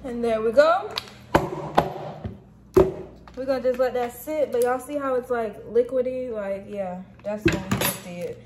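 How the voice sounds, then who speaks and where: A young American woman with a voice on the high side walks viewers through cooking in her home kitchen, speaking at a measured pace and pausing often. Her manner is informal and chatty with folksy slang, and the kitchen sounds echoey with noticeable background noise.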